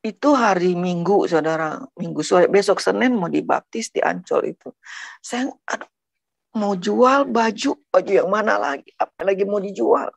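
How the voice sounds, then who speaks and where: Earnest woman from Padang, gravelly voice. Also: medium pitch, no room sound. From Padang, West Sumatra. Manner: earnest, emotional, repeatedly addresses listeners as brothers and sisters; halting, repeats words as she talks. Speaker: testimony speaker. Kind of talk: personal religious testimony.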